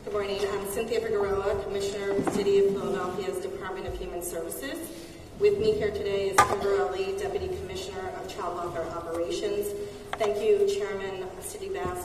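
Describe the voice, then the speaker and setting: A woman giving formal, measured testimony as a city official, recorded in a council hearing chamber. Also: mid-range voice, noisy background. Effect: council hearing-room recording. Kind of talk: reading a prepared statement at a hearing. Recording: echoey hall from far off.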